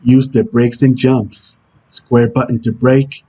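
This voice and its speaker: Man doing a husky Shadow impression, stern game antihero. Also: mid-range voice, level tone, takes it slowly, mellow. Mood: stern, instructional. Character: Shadow, brooding male video game antihero giving tutorial hints. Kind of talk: character impression reading game tutorial instructions.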